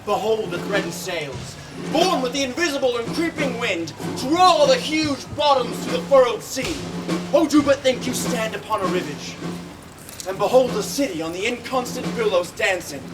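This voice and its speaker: A man's voice: extremely high pitch, lively intonation, far from the mic, over music. A man playing a rousing chorus narrator, declaiming Shakespearean olde-speech verse in a grand, theatrical manner. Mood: stirring, grand. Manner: theatrical, grandly emphatic, drawn-out delivery.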